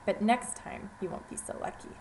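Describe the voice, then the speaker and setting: A woman's voice: normal speed, darkish tone, slight background noise, natural voice, rough recording. A woman voicing a big, hungry male lion who speaks in a proud, dismissive way in a storytelling performance. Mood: scornful.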